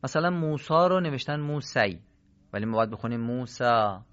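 A man's voice: medium pitch, expressive, fairly bright tone. Patient male teacher, dull lo-fi sound. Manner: patient, explanatory, draws out example words slowly. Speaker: Quran recitation teacher. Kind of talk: radio lesson on Quran recitation rules.

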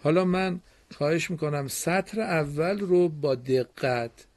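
A man teaching a broadcast reading lesson to children, explaining slowly and patiently and praising his pupils often. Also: on the high side, darkish tone.

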